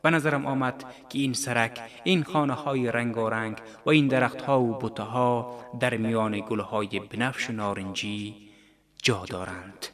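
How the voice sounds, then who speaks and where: A man reading a literary story on radio, calm and measured. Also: mid-range voice, a crowd in the background. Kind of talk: scripted literary narration.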